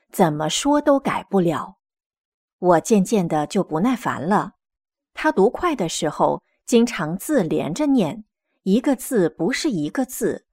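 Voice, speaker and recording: A woman reads a first-person account aloud, her pitch rising and falling freely across each sentence. The delivery is measured and steady, recorded close and dry with no room sound. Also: no echo. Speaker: reader of a testimonial article.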